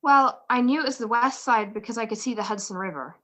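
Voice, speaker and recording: Bright-voiced playful detective's wife played by a woman. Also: on the high side, quick pace. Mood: arch. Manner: teasing, arch, affectionate. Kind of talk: 1940s radio detective play. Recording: muffled video-call recording.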